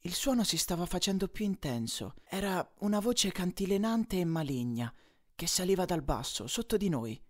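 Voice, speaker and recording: A man reading a first-person audiobook in a dramatic manner, dropping low and quiet on tense lines. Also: very animated, normal speed. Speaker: audiobook reader.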